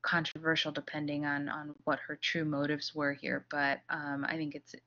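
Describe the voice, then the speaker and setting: A low-pitched woman delivers a recorded lecture in a halting, casual way, full of fillers and restarts. Her voice is low but bright and forward. The audio is a little dull. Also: completely flat delivery, slight background noise.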